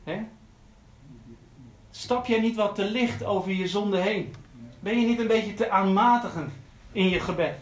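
A man's voice: high-pitched, measured pace, echoey room, low-quality recording. A man preaching a sermon, earnest and repeating his key phrases for emphasis. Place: church.

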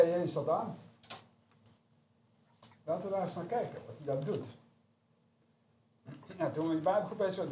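A man's voice: fairly high pitch, mellow. A man preaching a sermon in a conversational, hesitant way, recorded from far off in an echoey church hall. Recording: echoey room from far off, noisy.

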